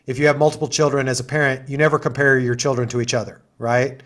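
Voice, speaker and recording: Speaking fast in a steady, mid-range voice with some brightness, a middle-aged assistant dean hosts an info session by video call. He explains the programs with enthusiasm, chatting away with frequent asides and fillers.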